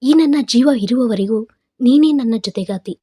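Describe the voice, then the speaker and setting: A woman's voice: on the high side, moderate pace, dark tone, breathy edge. A woman voicing a young man proposing to his beloved in a tender, poetic recitation.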